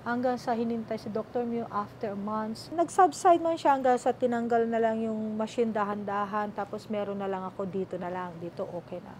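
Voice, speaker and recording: A middle-aged Filipino woman with a Filipino accent, telling her story as an interview guest, animated and acting out the voices she quotes. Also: fairly high pitch, moderate pace, few pauses, a little hiss or hum. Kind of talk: emotional sit-down interview.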